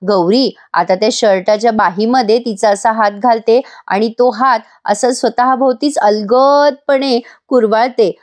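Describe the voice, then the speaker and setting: A woman's voice: on the high side, measured pace, few pauses. A woman doing a voice-over episode recap of a TV serial, chatty and speaking straight to her viewers. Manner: chatty, addresses viewers directly. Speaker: TV serial reviewer.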